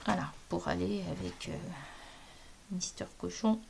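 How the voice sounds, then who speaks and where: A woman's voice: fairly low pitch, unhurried, gravelly, darkish tone, a little hiss or hum. A woman from France chatting casually about her coloured pages as a hobby vlogger, hesitant and often searching for words.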